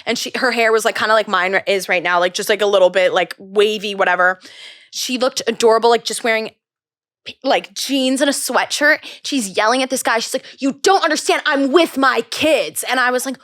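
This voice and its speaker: A young woman in her twenties, a podcast guest chatting casually, excitable, often gasping and acting out quotes, with lots of fillers. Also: a little high, a little fast, no echo, clean studio sound. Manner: excitable, gasps and acts out quotes, many fillers. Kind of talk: casual chat.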